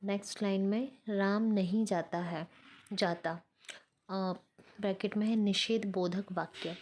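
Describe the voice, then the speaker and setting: A woman teacher with a Hindi accent dictates grammar examples at a very unhurried pace, pausing over each word. Her voice sits at an ordinary middle pitch, and she explains each sentence in a careful, step-by-step way. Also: fairly even intonation, a little mellow. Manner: slow, careful dictation of each sentence, mixing in English words. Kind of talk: reading out and explaining a grammar lesson.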